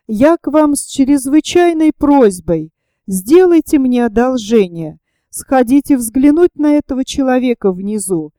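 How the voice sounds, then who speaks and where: A woman reading the part of a proud, stern aristocratic older lady who speaks in a measured, coldly formal way in an audiobook. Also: sits high, dark tone, clean tone, no echo, clean studio sound. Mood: imperious request.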